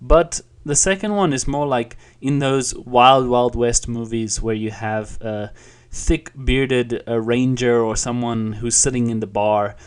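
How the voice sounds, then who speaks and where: A man giving an online language lesson, explaining calmly and patiently with the occasional filler. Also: mid-range voice, measured pace, smooth. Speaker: language teacher.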